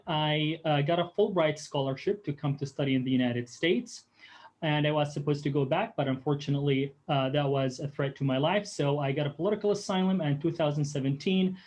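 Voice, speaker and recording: A man's voice: a little high, brisk, darkish tone. A man from Syria, giving a heartfelt campaign statement with uh fillers. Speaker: political candidate.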